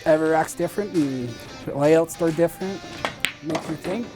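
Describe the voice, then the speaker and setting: A man's voice: fairly high pitch, moderate pace. A man from the Brandon area who plays pool, giving short, plain answers with hesitations in a casual interview. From Brandon area, Manitoba. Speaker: pool player. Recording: music playing underneath.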